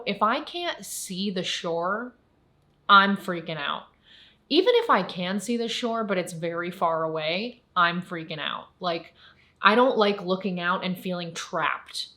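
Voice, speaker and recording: A woman's voice: medium pitch, a bit bright. A woman in her twenties telling a personal story on her video channel in a candid, rambling way with many fillers. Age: 20s. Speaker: YouTuber.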